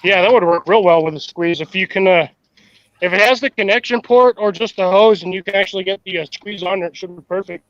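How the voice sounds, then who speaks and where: A man's voice: sits high, fast, a bit bright, no echo. A man talking casually on a phone video call from outdoors in a garden, over a choppy bad connection. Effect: choppy bad-connection phone call audio. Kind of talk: casual chat. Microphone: phone held in hand on a video call.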